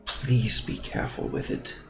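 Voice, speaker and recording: A man's voice: unhurried, music in the background, natural voice. A man voicing a stern, reproachful dragonborn wizard with a grave manner in a tabletop game. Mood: stern, formal. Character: stern scolding emerald dragonborn wizard, male. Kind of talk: tabletop role-play character voice. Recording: roomy echo, clear background noise.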